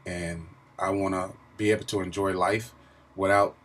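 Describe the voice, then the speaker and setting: A man's voice: sits low, level tone, normal speed, a bit bright. A middle-aged man chatting casually to his viewers in a video diary, with an informal, emphatic storytelling manner. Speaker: vlogger.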